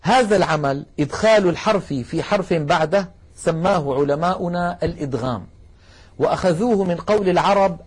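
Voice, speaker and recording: A man lecturing a class, explaining carefully and slowing down to demonstrate sounds, asking students to try along. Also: on the high side, a little mellow, husky. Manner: addresses students directly, asks them to try along. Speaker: Quran recitation teacher.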